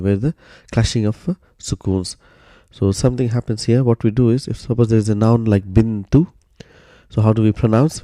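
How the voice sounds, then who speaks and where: A man explaining grammar step by step in a recorded lesson, patient and steady, often starting sentences with "so" and pausing on "uh.". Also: on the low side, no echo, studio quality. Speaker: Arabic grammar teacher.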